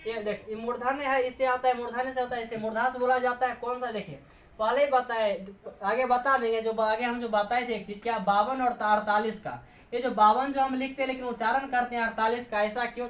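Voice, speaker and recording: A woman's voice: fairly high pitch, steady tone, fairly quick. A woman teaching a class, asking questions and answering them herself, repeating points and checking in with frequent okays. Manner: frequent "okay" checks with students. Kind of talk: classroom lecture. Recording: echoey room, dull lo-fi sound.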